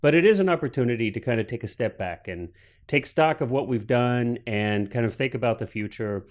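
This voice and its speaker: A man's voice: medium pitch, lively intonation, a little fast. A man in his late forties co-hosting a film podcast, chatting casually and animatedly with many restarts. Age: 40s. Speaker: podcast co-host. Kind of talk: casual chat.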